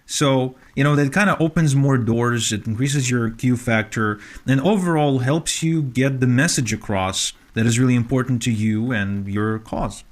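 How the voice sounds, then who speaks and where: A man's voice: mid-range voice, normal speed, few pauses. A man from Ukraine, a guest in an interview, talking earnestly about his work with frequent fillers and restarts. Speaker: podcast guest, author. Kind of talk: conversational interview.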